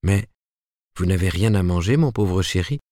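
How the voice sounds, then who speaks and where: A man reading aloud, voicing a gentle young woman who speaks in a soft, coaxing, earnest way. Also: sits low, a little slow, dry recording, clean studio sound. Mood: reproachful.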